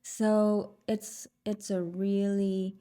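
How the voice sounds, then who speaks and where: Her voice is mid-range, warm and level as she chats in English, accented from her native Vietnam, as a podcast guest. The casual interview moves at an unhurried pace, full of fillers, restarts and frequent laughter.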